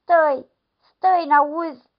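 A woman's voice: mid-range voice, animated, voice pushed up, close to an everyday voice. A woman voicing a frightened village woman, speaking in a fearful, urgent way. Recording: dull lo-fi recording.

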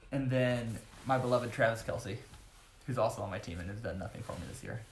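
A man's voice: mid-range voice, moderate pace, slight background noise. A man on a casual podcast panel, cracking dry sarcastic jokes. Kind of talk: casual chat about fantasy football. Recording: echoey room.

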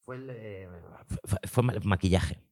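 A man's voice: fairly low pitch, unhurried, no room sound, studio quality. A man with a Spain Spanish accent, co-hosting a comedy podcast and telling stories animatedly at a mic on a table. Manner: animated storyteller, acts out voices and shouts. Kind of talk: casual comedic chat and storytelling. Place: at a table with microphones.

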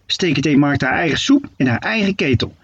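Narrating a kids' tale a little fast, this man uses a bouncy, playful lilt and expressive storybook delivery. The husky, rather high voice sounds dull and muffled.

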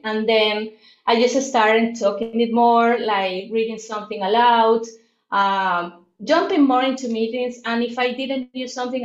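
A Latin American woman with a fairly high voice speaks as a guest in casual interview talk, sounding reflective and using many fillers and restarts. She's in an echoey room, and the audio is dull.

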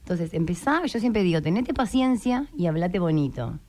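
A woman speaking with a Rioplatense accent, talking as a guest in a radio interview. She explains her ideas in a lively way and often acts out the voices of the people she quotes. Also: on the low side, normal speed. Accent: Rioplatense Spanish. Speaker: guest, writer and coach.

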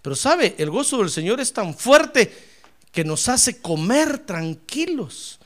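A male pastor preaching a sermon, fervent, swinging from loud exclamations to quiet asides and often addressing his listeners directly. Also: sits high, sing-song, takes it slowly. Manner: repeatedly addresses listeners as "hermano".

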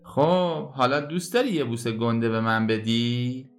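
A woman voicing a kind, patient papa bear who gently coaxes his cub in a storybook reading. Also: a bass voice, faint music behind, pitched below the performer's own voice. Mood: coaxing. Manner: gentle, coaxing, playful.

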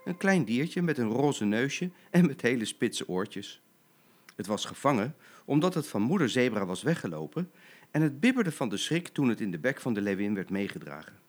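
Grandfather narrator for a bedtime story: older man, lively and animated reading. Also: medium pitch, moderate pace.

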